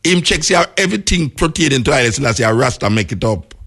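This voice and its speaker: A man's voice: mid-range voice, expressive, fast, fairly bright tone. A man with a Jamaican accent talking in Rasta speech with Patois grammar, explaining things emphatically and repeating key phrases.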